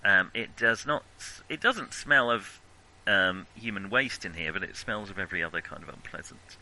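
A man's voice: low-pitched, normal speed, creaky, pushed and bright, rough recording. A man narrating a tabletop game as game master, hesitant and full of fillers and restarts.

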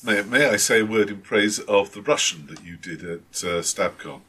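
A man's voice: fairly low pitch, moderate pace, bright, forceful tone, slightly rough. A man, a tabletop game master, chatting casually and hesitantly with many restarts and fillers. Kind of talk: casual chat.

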